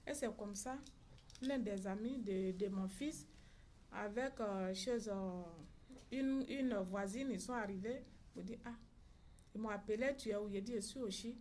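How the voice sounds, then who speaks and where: A woman's voice: medium pitch, unhurried, darkish tone, a little hiss or hum. A middle-aged woman with an Ivorian French accent, a mother recounting events at a press conference and acting out the dialogue she reports. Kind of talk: personal account at a press conference.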